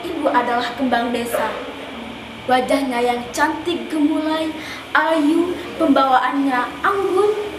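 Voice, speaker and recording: A woman performing a theatrical monologue as an anguished, fatherless daughter, a sorrowful tragic heroine speaking in declamatory phrases with dramatic pauses. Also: high-pitched. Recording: distant, echoey, clearly noisy room recording.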